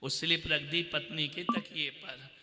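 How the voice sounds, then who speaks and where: A high-pitched preacher with a piercing, forceful tone tells a humorous sermon story. He acts out family quarrels in different voices and sometimes breaks into shouts. His voice rings through an echoing hall with a long reverb tail. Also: fairly even intonation, a little slow, slight background noise.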